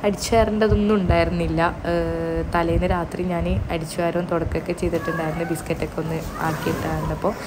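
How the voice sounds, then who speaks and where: A young mother chats through her day, throwing in lots of filler sounds. Her voice sits low and stays flat while she talks fast. Clear background noise runs under her voice-over. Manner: chatty, tags sentences with "you know", frequent hesitation sounds. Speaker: vlogger, mother of two small boys.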